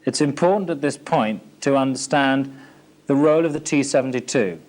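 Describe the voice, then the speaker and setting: This 1980s archive training film soundtrack features a British man narrating a military training film. His voice is medium-pitched and a little mellow at a moderate pace, delivered in a formal, matter-of-fact, scripted instructional style.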